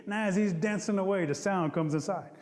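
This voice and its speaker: A man telling a traditional animal story to young listeners, expressive and animated. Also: high voice, a little fast. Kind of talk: oral storytelling. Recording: long hall reverb.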